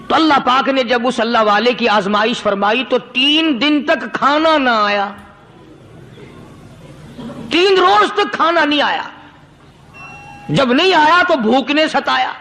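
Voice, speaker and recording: A man preaches a storytelling sermon, pitched very high and sharply bright. He repeats his lines and builds them into impassioned emphasis. A faint hiss of noise sits under the recording. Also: poor audio. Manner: impassioned, repetitive, rising into dramatic emphasis.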